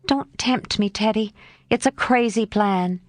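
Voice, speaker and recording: A woman reading an audiobook voicing a spirited, tomboyish teenage girl, earnest and lively. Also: mid-range voice, measured pace, no room sound, studio quality, voice pushed up, lightly acted.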